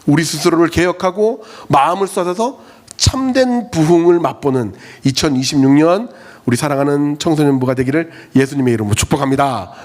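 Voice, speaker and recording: A middle-aged man preaching to a youth group as their pastor, animated and joking, acting out stories as he goes. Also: a little high, a little fast. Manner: animated, storytelling, jokes and acts out scenes. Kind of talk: youth sermon.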